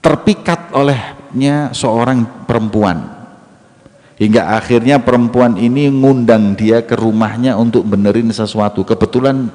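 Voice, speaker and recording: A man's voice: mid-range voice, unhurried. A male preacher, telling a story in a sermon with slang and jokes. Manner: lively, mixes in local slang and jokes. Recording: long hall reverb.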